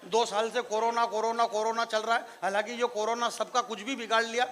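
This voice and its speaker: High, bright-voiced male comic poet. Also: level tone, fairly quick. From Marwari region of Rajasthan. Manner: joking asides with the crowd, rising into declaiming verse. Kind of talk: stage comedy poetry recitation. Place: live stage event before an audience.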